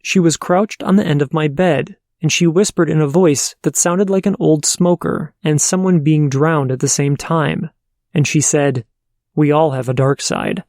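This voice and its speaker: Man reading listener stories, gravelly, slightly high voice, dry close sound. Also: normal speed, a little mellow, no echo. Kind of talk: reading listener letters aloud.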